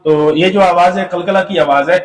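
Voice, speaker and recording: A man teaching a tajweed lesson from slides, explaining patiently with filler pauses and sounding out demonstration syllables. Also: high voice, fairly even intonation, reverberant, far from the mic, rough recording. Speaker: Quran recitation teacher.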